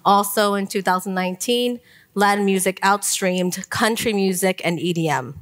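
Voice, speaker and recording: A woman in her forties moderating a conference panel on stage, talking with many pauses and fillers. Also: mid-range voice. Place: conference stage before an audience.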